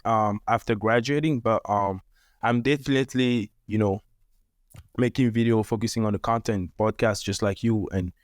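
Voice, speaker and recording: Young guy from cameroon, lowish voice, lots of uhs and ums, dry sound. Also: fairly even intonation, moderate pace, no room sound. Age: young adult. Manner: hesitant, many fillers. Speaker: guest. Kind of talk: casual podcast chat.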